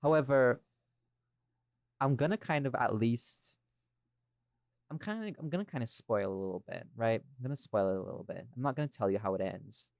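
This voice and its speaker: This podcast host and audio drama maker speaks in a mid-range, expressive, creaky voice with a darkish tone, at normal speed with long pauses. Emphatic and addressing listeners directly, he walks through his creative choices on a casual show. The studio-quality recording has no room sound.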